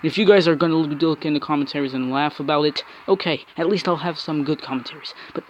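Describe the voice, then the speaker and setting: Male gamer, angry ranting play-by-play, slightly higher-pitched, frequent swearing and restarts. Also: fast, lo-fi sound, a little hiss or hum. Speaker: mobile game player. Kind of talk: angry gameplay commentary.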